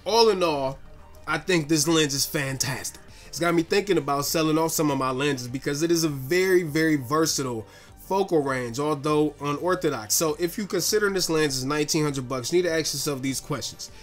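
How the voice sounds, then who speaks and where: A slightly hoarse man giving a casual, enthusiastic camera lens review in a direct, slangy way. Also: fairly high pitch, fairly quick, soft background music.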